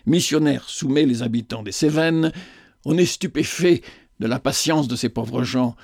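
A man narrating a historical novel as an audiobook in a measured, clear reading style. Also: medium pitch, a little mellow, dry recording, clean studio sound.

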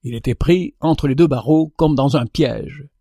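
A man narrating a fable in an expressive, measured reading. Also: a little high, no echo, clean studio sound. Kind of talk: storybook narration.

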